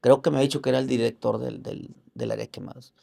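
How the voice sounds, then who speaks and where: An interview guest with a very gravelly, mid-range, warm and steady voice shares his personal faith testimony. He tells it earnestly and haltingly with religious fervor, raising his voice to act out what other people said.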